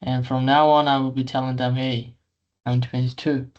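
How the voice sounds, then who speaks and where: A man's voice: medium pitch, flat delivery, normal speed, a little mellow. A man in his early twenties chatting on a podcast, thoughtful and a little hesitant as he speaks. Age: 20s. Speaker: podcast co-host. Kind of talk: casual podcast chat. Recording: dull, muffled lo-fi audio.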